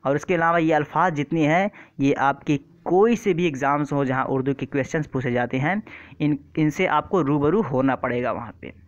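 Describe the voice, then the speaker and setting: A man's voice: fairly high pitch, normal speed, dull audio. A man teaching an exam-prep vocabulary lesson online, who often repeats terms and keeps asking his viewers questions. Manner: repeats words and quizzes the viewer.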